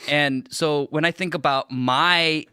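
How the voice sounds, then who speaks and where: Bright-voiced earnest young man. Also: a little high, fairly even intonation, slow pace, smooth, dry recording, studio quality. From South Korea. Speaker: show host. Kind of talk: casual panel discussion.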